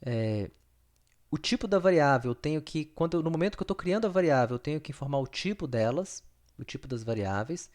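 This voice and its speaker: A man teaches a recorded screen-share programming lesson, patient and repetitive, often checking in with his students. His voice is fairly high, expressive and darkish, and he talks a little fast.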